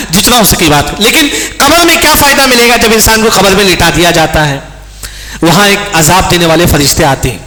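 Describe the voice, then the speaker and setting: A high, bright male voice carries through a large mosque hall, with a long echo trailing each phrase. He preaches with emphasis, poses questions to the congregation and answers them himself, and comes back again and again to the reminder to remember. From India. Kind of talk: sermon.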